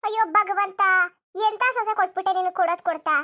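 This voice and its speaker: A woman's voice: extremely high pitch, steady tone, quick pace, a bit bright. A woman voicing a bossy, scolding mother-in-law in a cartoon comedy, nagging and threatening. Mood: exasperated.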